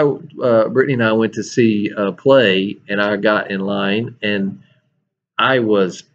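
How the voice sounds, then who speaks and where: Storytelling preacher man, muffled audio. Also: fairly low pitch. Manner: storytelling, animated, with self-deprecating asides. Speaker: preacher and show host. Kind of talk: casual sermon-style chat.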